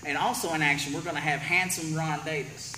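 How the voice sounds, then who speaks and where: Casting: male host for wrestling promo segments, notably high voice, announcing and interviewing in an echoey room. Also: fairly even intonation, brisk, sharp tone. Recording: echoey room with faint background noise.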